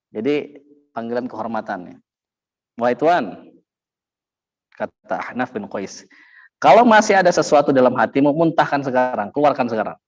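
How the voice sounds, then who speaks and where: A man's voice: medium pitch, muffled recording. A man preaching and telling stories, acting out the voices he quotes and questioning his listeners. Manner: lively storyteller, acts out quoted voices, asks audience. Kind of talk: sermon with storytelling.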